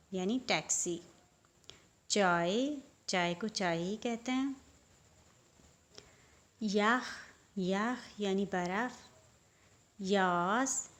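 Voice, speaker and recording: A woman teaching vocabulary, saying each word and then explaining it. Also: medium pitch. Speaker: language teacher. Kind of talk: slow vocabulary lesson.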